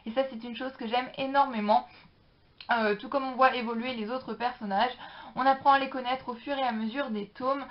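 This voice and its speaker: A woman's voice: fairly high pitch, fairly even intonation, moderate pace. Chatty woman reviewing books, lo-fi. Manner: chatty, enthusiastic, many hesitations. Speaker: book reviewer. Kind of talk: casual book review vlog. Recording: dull lo-fi sound.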